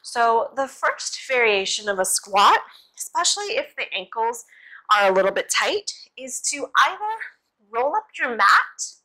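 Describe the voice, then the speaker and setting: Bright-voiced young woman giving casual instruction. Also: a little high, big pitch swings, measured pace, poor audio. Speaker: prenatal yoga instructor.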